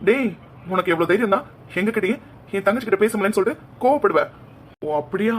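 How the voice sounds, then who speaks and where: A man's voice: high-pitched, quick pace, slight background noise. A man voicing a protective brother in a cartoon, scolding and sarcastically threatening the other family. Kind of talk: cartoon dialogue acting.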